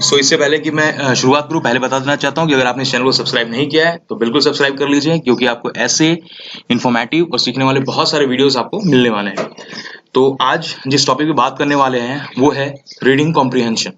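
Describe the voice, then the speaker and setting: A young man tutoring exam students in a casual, energetic way, often checking in with "theek hai". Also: mid-range voice, quick pace, slight background noise. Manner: energetic, repeats "ठीक है" often. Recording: slightly dull lo-fi audio.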